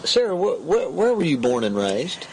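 Male host interviewing a guest, emphatic and quick to interrupt with questions, with faint background noise. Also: on the high side, big pitch swings, a little mellow, rough recording. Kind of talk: talk show interview.

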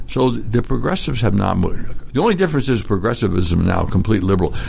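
A man hosting political talk radio, delivering an opinionated monologue haltingly, repeating words and posing rhetorical questions. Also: lowish voice, animated, gravelly, a little mellow, a little hiss or hum. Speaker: talk radio host, professor.

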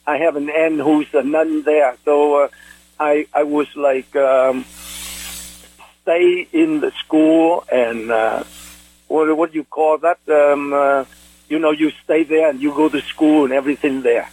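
A man's voice: on the high side, fairly even intonation, measured pace, a little mellow, no room sound, poor audio. An older man from Vietnam with a Vietnamese accent, recollecting in a radio interview and often searching for words in English, which is not his first language. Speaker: interview guest, war veteran.

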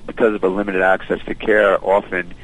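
Deep-voiced man on a landline phone. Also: flat delivery, fairly quick, fairly bright tone, low-quality recording. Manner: fluent, businesslike, many uh and um fillers. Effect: heard over a landline phone. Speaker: company founder and CEO, guest. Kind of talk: radio interview guest explaining his service.

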